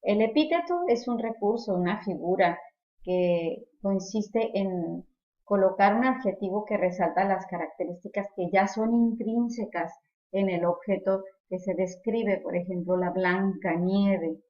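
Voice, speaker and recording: A woman gives a recorded poetry lecture in a clear teacherly way. Her voice has a middling pitch and rings in a roomy, echoing space. The recording sounds a little dull and muffled. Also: measured pace, dark tone. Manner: explanatory, repeats words while searching for them. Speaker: literature teacher. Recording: echoey room, slightly dull sound.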